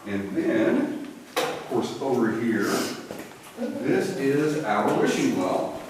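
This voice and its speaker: A man's voice: medium pitch, huge pitch swings, extremely slow, background noise. Guy guiding a cave tour, super echoey and far from the mic, folksy and jokey. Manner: folksy, joking with the group. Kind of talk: informal guided tour commentary. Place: inside a cave.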